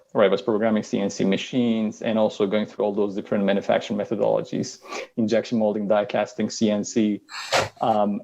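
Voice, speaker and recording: A man from Turkey, a guest on an online interview, answering briskly with frequent restarts and fillers. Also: on the low side, vocal fry, darkish tone, highs cut off. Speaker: guest, venture capital partner.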